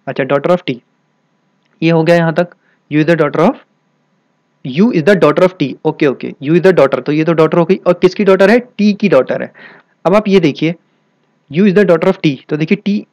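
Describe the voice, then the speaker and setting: Young man, Hindi teacher, slightly high voice, repeats each step, dry close sound. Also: a little mellow, no room sound. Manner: repetitive, checks often if students follow. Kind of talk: explaining a reasoning problem step by step.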